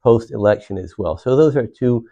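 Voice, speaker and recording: A middle-aged man from Puerto Rico who serves as county commissioner answers interview questions with earnest sincerity. His medium-pitched voice is creaky and warm, at a moderate pace, full of repeats and "uh"-laden restarts, recorded with dull audio.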